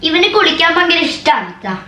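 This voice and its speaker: Very high, bright woman. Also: very animated, brisk, slight background noise. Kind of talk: casual chat at home. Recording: echoey home room.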